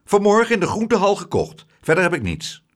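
A fussy, excitable spinster lady from a storybook, voiced by a male reader pushing his voice high. She cries out loudly and shrilly, her pitch soaring and lurching. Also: a little fast. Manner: shrill, loud exclamations. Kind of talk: storybook reading.

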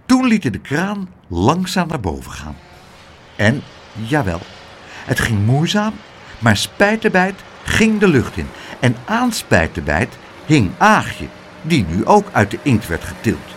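A man reading a children's story aloud in a lively, expressive way. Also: mid-range voice, slow pace, a little hiss or hum. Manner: animated, expressive.

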